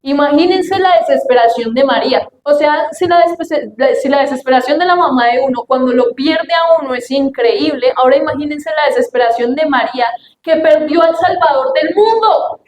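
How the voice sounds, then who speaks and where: Young woman, high voice, lively sermon storytelling, echoey room, faint hum behind. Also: normal speed. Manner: lively storytelling, acting out quoted family voices. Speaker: youth preacher.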